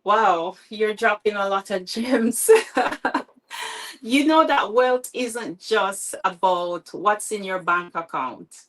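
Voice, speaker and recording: A woman's voice: medium pitch, lively intonation, takes it slowly, fairly bright tone. A woman hosting a conversational interview, affirming and encouraging her guest. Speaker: interview host.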